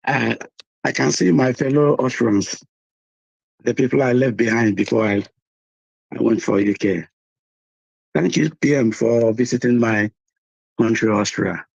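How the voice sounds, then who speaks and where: A hoarse man with a cold, calling into an online meeting and speaking hesitantly with many fillers. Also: mid-range voice, measured pace, long pauses, darkish tone, dry recording, highs cut off. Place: London.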